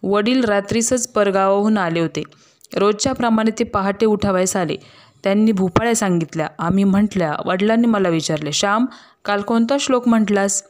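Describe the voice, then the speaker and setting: Woman storyteller, mid-height voice, steady measured read-aloud delivery, close mic. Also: mid-range voice. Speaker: storyteller reading a classic novel aloud. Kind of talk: narration of a story.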